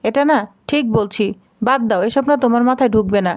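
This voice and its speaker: Brief: a woman playing a scornful head of the house, dismissive, high voice. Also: fairly quick, natural voice. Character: arrogant, angry middle-aged man, household patriarch.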